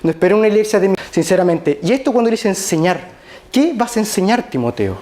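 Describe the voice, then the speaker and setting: A man's voice: high-pitched, expressive, brisk, dark tone. A man preaching a sermon, speaking straight to the congregation and hammering his points home by repeating them. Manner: emphatic, repeats key phrases; addresses the congregation directly.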